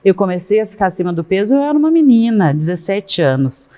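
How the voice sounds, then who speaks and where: A middle-aged woman, a guest in a casual interview, talking at length and in an animated way with many asides. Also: medium pitch, fast talker. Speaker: guest, fashion consultant.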